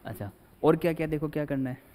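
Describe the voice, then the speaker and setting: A man's voice: on the high side, quick pace, mellow. A male teacher giving a chatty classroom lecture, acting out little scenes as he explains. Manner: chatty, mixes Hindi with English, acts out little scenes. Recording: long hall reverb.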